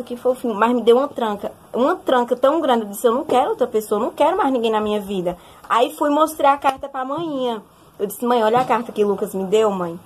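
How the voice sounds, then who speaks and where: A young woman sharing a personal testimony in a casual, animated way, often turning to speak straight to her listeners. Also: mid-range voice, slight background noise. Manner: animated, addresses listeners directly.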